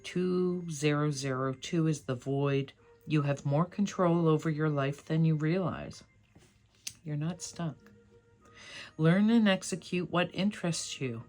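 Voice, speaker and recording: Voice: medium pitch, unhurried, darkish tone, soft background music. A tarot card reader hosting a casual pick-a-card reading, speaking to viewers in an encouraging, affirming and conversational way.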